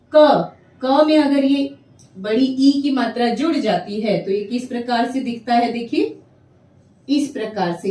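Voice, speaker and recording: Woman teacher, fairly high voice, patient and drawn-out, echoey room, from the mic. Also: darkish tone, recorded from a distance. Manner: slow, drawn-out sounding of syllables. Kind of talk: children's lesson.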